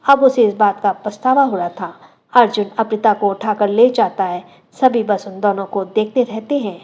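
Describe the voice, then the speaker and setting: A woman storyteller narrating a family audio drama in a steady, dramatic way. Her voice sits fairly high for a woman. Her delivery is scripted and even.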